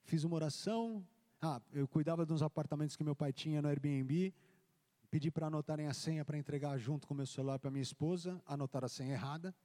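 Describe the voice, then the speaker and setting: Male pastor, church testimony, lively storytelling, mellow tone, long hall reverb. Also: on the high side, fast talker. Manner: animated storytelling, acting out dialogue.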